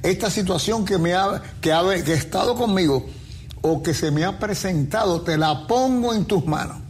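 Man preaching on a faith q&a show, kinda high voice, faint hum behind. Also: expressive, moderate pace. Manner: preachy, uses everyday comparisons. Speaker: pastor co-host. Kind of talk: faith talk show answering questions.

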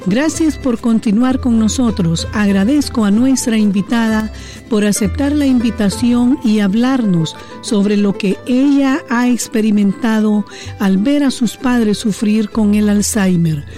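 A woman hosting a radio interview, asking calm, measured questions. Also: a little high, faint music behind. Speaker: radio host.

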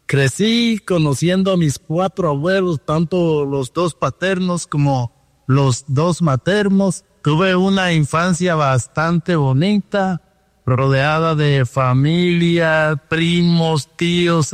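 A man's voice: on the high side, slow, dry recording, studio quality, in a large hall. Dominican man telling his story. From Dominican Republic. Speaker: guest. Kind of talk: testimony over the phone. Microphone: phone line.

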